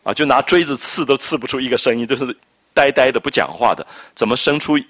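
A man giving an animated classroom lecture on a classic novel, explaining and reading out quoted dialogue. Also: mid-range voice, quick pace, no echo. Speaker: literature lecturer.

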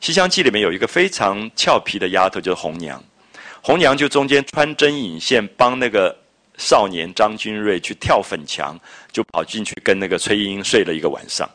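A man lecturing on a classic novel, retelling scenes and explaining old phrases in a chatty, lively way. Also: fairly low pitch, brisk. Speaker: literature lecturer. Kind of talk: storytelling literature lecture.

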